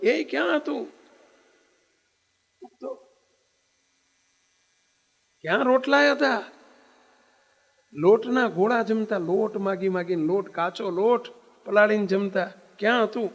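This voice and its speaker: Man, preacher, sermon storytelling, emphatic, high voice, long hall reverb. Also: takes it slowly, long pauses. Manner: emphatic, rhetorical questions to the audience.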